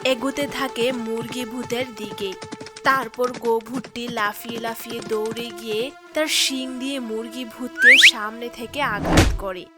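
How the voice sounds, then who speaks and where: A woman's voice: a little high, fairly even intonation, moderate pace. A woman reading scripted narration for a children's cartoon story. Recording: loud music under narration.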